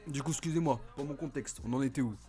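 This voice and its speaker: A man's voice: medium pitch, quick pace, dark tone, faint music behind. A young man giving a casual, comedic film review, full of street slang, swearing and rambling hesitations, recorded at home into a desk mic. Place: at home, recording with streaming software. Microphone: desk microphone.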